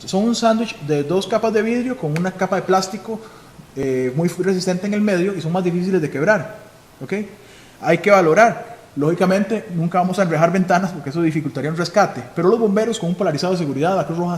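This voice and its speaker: A man's voice: a little high, a little mellow. A man with a Costa Rican accent, a police chief giving a live security seminar, who asks questions and then answers them himself. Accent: Costa Rican Spanish. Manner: instructive, asks and answers his own questions. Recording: echoey hall with faint noise.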